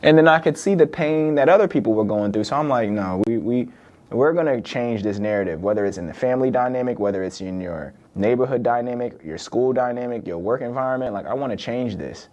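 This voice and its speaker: A man's voice: medium pitch, animated, brisk, darkish tone, muffled recording. A young man, a podcast host from Virginia, talking in a loose, conversational solo monologue full of "like" and "right?". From born in the UK, raised in Virginia.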